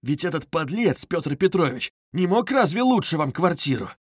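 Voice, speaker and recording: A man voicing a tipsy young man, loud, blustering and drunkenly emphatic. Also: a little high, very animated, moderate pace, husky, no echo, clean studio sound, pitched above the performer's own voice. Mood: urgent. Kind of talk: audiobook character reading.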